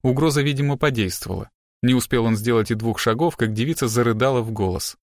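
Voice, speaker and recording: Measured male audiobook narrator, dry sound. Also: mid-range voice, no room sound. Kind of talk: scripted narration.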